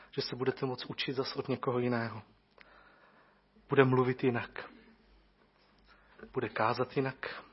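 A pastor giving a reflective farewell sermon to his congregation in a church, earnest, moving between emphatic raised phrases and soft, low passages. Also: breathy edge. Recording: muffled lo-fi recording.

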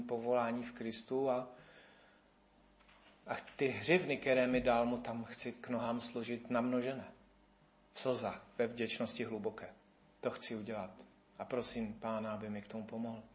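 A man, preaching a sermon and acting out the voices of the people he quotes. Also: mid-range voice. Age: 50s. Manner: animated, rises and falls in loudness, acts out quoted voices.

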